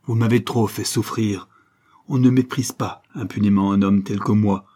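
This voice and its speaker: A man doing a raspy villainous banker. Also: on the low side, animated, moderate pace, warm tone. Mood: furious. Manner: scornful, threatening outbursts. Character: cynical, vengeful middle-aged male banker villain.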